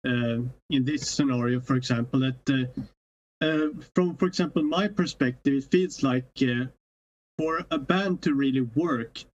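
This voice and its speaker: A man's voice: mid-range voice, measured pace. A man speaking hesitantly in a casual podcast conversation, searching for words and restarting often. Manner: hesitant, many ums and restarts. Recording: dull lo-fi audio.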